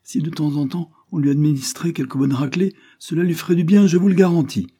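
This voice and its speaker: A brusque, sharp-tongued servant woman , voiced by a male narrator, pitched well above his usual voice and loud with irritation. She scolds bluntly and impatiently in a dark, husky storybook reading. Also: brisk. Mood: scolding.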